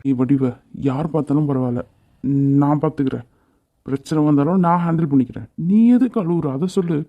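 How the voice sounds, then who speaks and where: A man's voice: on the high side, brisk. A man voicing a caring young house owner in a cartoon, who keeps pressing for the truth. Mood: insistent. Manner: insistent, coaxing questions. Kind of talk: cartoon dubbing. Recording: dry, phone-like sound.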